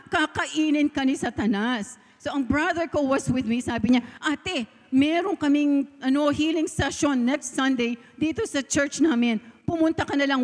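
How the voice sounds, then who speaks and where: High-voiced Filipino woman preaching. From Philippines. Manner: heartfelt storytelling, mixing in English phrases. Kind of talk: sermon testimony. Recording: long reverb of a hall.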